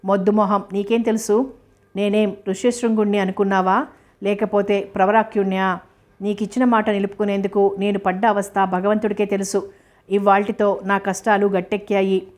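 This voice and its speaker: Woman reads a teasing, tender young suitor, even and steady, for a storybook audio novel. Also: mid-range voice, moderate pace, lightly acted. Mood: playful. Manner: playful, teasing. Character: teasing affectionate young man, a writer.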